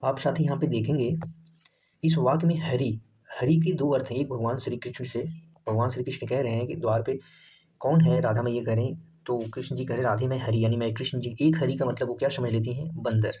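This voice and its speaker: A man teaching a grammar lesson for exam students, who dictates definitions and repeats phrases slowly so that students can copy them down. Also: medium pitch, steady tone, mellow. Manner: repeats phrases slowly for note-taking, addresses students as "saathi". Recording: slightly dull audio with faint noise.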